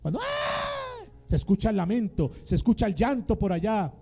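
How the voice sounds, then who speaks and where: A man's voice: high voice, fast, warm tone, husky. A male pastor preaching a sermon in a dramatic style, calling on the congregation to repeat his words back to him. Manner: dramatic call-and-response preaching.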